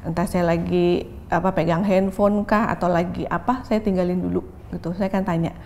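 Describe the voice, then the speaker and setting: A woman's voice: lowish voice, fairly even intonation, a little fast, darkish tone, a little hiss or hum. Candid woman sharing her story. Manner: open, reflective, switches into English phrases. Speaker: pastor and interview guest. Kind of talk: candid interview testimony.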